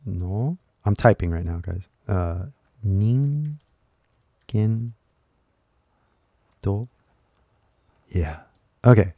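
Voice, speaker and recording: A man's voice: fairly low pitch, extremely slow, pauses often, no echo, dull audio. A man who is a native English speaker, chatting casually on a livestream as an English teacher, rambling and switching between Japanese and English with frequent laughter.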